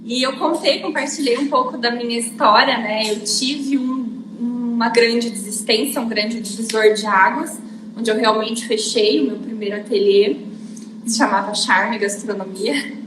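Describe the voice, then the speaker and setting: A woman's voice: fairly high pitch, moderate pace. A woman who teaches pastry, chatting as a guest on a live stream. Her voice comes through a phone with an echo. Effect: echoey doubled sound over a phone line. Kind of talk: casual live-stream chat. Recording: echoey phone audio with clear background noise.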